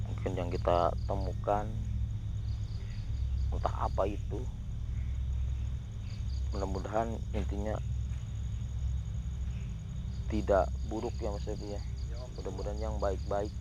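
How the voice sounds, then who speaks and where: Hushed man hunting ghosts at night. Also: fairly low pitch, lo-fi sound, background noise. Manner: whispery, breaks into loud urgent calls. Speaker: ghost-hunting video host. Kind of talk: hushed on-location paranormal narration.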